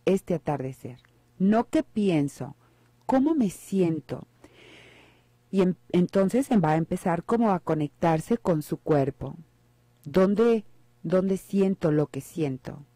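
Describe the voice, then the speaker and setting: Female radio psychologist, warm and dark in tone, reflective and questioning, with a dry close sound. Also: lowish voice, no echo. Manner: reflective, poses rhetorical questions to listeners. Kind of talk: radio advice talk. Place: radio studio.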